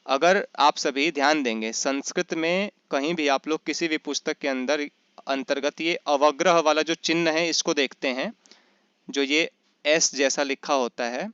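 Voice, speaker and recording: A man teaching Sanskrit in an online class, asking questions and answering them himself, and slowly chanting grammar rules. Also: a little high, a bit bright, clear, resonant tone, dry recording, lo-fi sound. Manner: often checks in with "is that right?". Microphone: computer mic in an online class.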